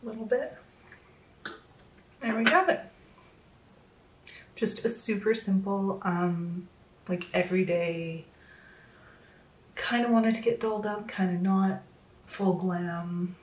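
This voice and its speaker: A makeup vlogger with a mid-range voice takes things slowly, leaving long pauses as she chats casually through a makeup tutorial. She's chatty, self-deprecating and full of fillers, and she's losing her voice. Recorded in a small room at home, the audio has roomy echo and she's a bit distant from the mic.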